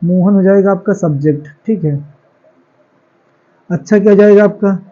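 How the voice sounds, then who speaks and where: A man's voice: sits high, moderate pace. A male teacher giving a classroom grammar lesson. He keeps asking questions and answering them himself, repeating the key words. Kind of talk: classroom lecture on English grammar. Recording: dull lo-fi classroom recording.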